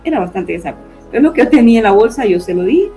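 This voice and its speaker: A woman's voice: medium pitch, animated, quick pace, warm tone, soft background music, rough recording. A woman giving an earnest personal faith testimony as a panelist, often adding tag questions.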